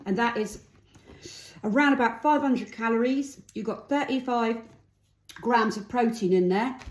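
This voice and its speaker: A woman with a Cockney accent chatting casually and informally as she explains and demonstrates food for a vlog. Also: on the high side. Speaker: vlogger. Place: indoors at home. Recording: echoey room with light noise, clicks.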